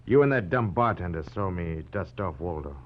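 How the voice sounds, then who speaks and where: An actor playing a cold, taunting American gangster killer in a 1940s radio crime drama, slangy and sadistic. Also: male voice, low-pitched, animated. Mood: cold, menacing. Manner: taunting, slangy, unhurried menace. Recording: dull, muffled vintage 1940s radio recording.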